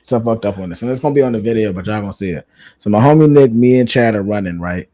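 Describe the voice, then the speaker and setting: Slangy animated man chatting. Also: on the low side, racing. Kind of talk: casual chat.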